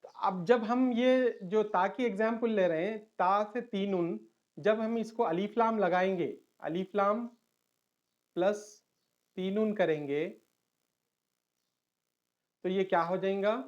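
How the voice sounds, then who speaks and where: A man's voice: high-pitched, pauses often, muffled recording. A man teaching an online lesson. He explains patiently, repeats terms and mixes in English.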